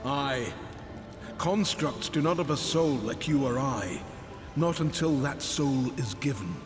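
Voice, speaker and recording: Slow, grave old sage. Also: male voice, medium pitch, animated. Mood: grave, weary. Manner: solemn, deliberate. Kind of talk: dramatic fantasy game dialogue. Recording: long reverb, music behind.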